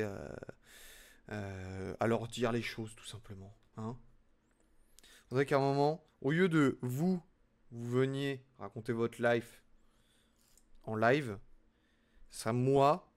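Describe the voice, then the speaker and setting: A young man chatting casually with his live-stream audience as he builds, chatty and self-mocking. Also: medium pitch. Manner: chatty, self-mocking, talks to chat while working.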